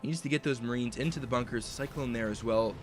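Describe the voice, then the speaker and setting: Faint music plays behind a young esports caster whose mid-range voice moves at a quick pace. He calls a strategy game play by play, speculating on moves as they happen.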